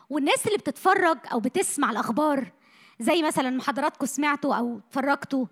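A woman preaching a sermon to young people, passionate, moving from loud bursts to hushed lines, her voice a little tired. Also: high voice. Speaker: missionary speaker. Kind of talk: sermon to a youth meeting.

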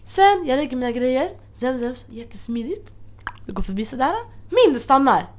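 A young woman with a high voice that leaps up and down as she tells a story over casual chat. She acts out other people's lines and breaks into laughter along the way. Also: sing-song, a little hiss or hum.

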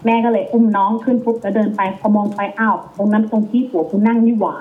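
A woman telling a ghost story in casual, animated chat, acting out voices as she goes. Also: mid-range voice, quick pace. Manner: animated, acts out quoted voices in dialogue. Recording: tinny phone line with faint hiss.

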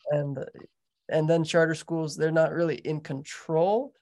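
A man's voice: on the high side, steady tone, a little slow, darkish tone. A man with an American accent, chatting casually as he hosts an interview podcast. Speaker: podcast host.

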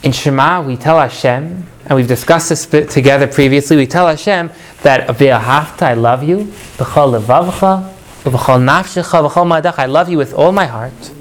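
A man teaching a Torah class to students, animated, asking rhetorical questions and mixing in Hebrew prayer phrases. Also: fairly high pitch, a little fast, few pauses. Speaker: religious teacher.

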